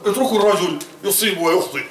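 A man's voice: sits high, racing, far from the mic, noisy background. A man with an Egyptian accent preaching in a mosque, animatedly quizzing his listeners and mixing formal and everyday Arabic. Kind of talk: mosque sermon with questions to the congregation. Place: large mosque. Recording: roomy, from off mic.

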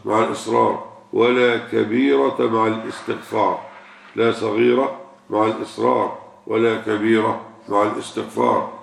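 A man's voice: fairly low pitch, little pitch movement, moderate pace, creaky. An older man with an Egyptian Arabic accent, a sheikh answering questions in a religious sermon, who asks rhetorical questions and repeats key words for emphasis. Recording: echoey room, far from the mic.

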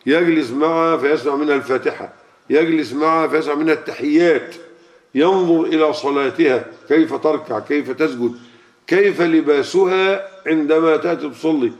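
A man's voice: a little high, darkish tone. A man with an Egyptian Arabic accent preaching a sermon to a gathering, talking colloquially and often asking the audience questions. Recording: lo-fi muffled recording.

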